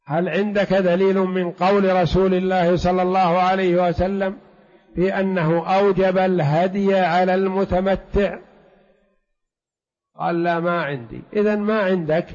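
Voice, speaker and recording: High-voiced sheikh teaching, dull lo-fi sound. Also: male voice, flat delivery, a little mellow. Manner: poses rhetorical questions and answers them, stretching key phrases slowly. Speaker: sheikh teaching a commentary on a fiqh text. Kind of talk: explanatory religious lesson. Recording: dull lo-fi lecture recording.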